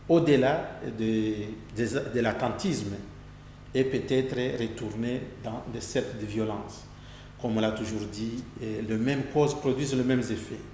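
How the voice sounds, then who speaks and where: A man from Rwanda answering interview questions earnestly and deliberately, pausing and restarting his phrases. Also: medium pitch, a little mellow, roomy sound, big-room sound, a little hiss or hum. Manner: deliberate, with frequent restarts and pauses.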